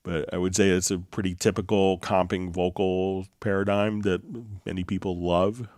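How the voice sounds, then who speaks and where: A man hosts a casual software tutorial stream in a very deep, magnetic low voice. The tone is smooth and resonant, with a slight cold, and he explains things in a halting, laid-back way. The sound is dry and close to the microphone. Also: little pitch movement, no echo. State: getting over a slight cold. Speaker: livestream host answering software questions. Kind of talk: casual tutorial livestream talk. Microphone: close microphone straight into mixer.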